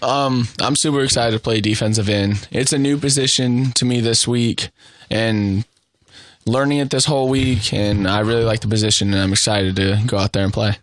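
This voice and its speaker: A man's voice: lowish voice, fairly even intonation, normal speed, no echo. A young man, a football player, giving casual answers in a sports interview.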